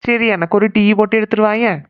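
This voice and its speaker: A woman voicing a practical middle-aged husband in a cartoon, asking steady, matter-of-fact questions. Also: medium pitch, fast talker, dry recording, close to an everyday voice. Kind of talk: Tamil cartoon dubbing. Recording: slightly dull lo-fi sound.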